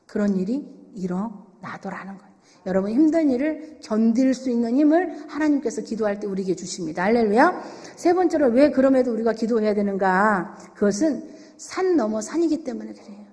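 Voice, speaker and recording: A woman's voice: fairly high pitch, expressive, fairly quick, mellow. Emphatic woman pastor preaching in a church. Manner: emphatic, full of rhetorical questions. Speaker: senior pastor. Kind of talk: sermon. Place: church sanctuary. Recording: long reverb of a church hall.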